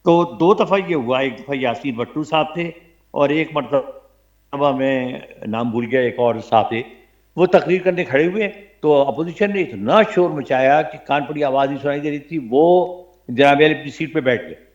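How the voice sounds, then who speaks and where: An older man from Pakistan, a veteran radio commentator, telling animated stories as an interview guest and often checking that his listener follows. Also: on the high side. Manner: animated anecdotes, frequent "theek hai na?" check-ins. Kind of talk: reminiscing interview storytelling. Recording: dull lo-fi broadcast audio.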